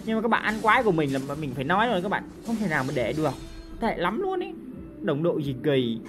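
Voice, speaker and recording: Woman yelling along to her match, game music going behind her. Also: on the low side, fast talker. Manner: excitable, full of loud exclamations and repeated cries. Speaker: game streamer. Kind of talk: live gameplay commentary. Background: game music and sound effects.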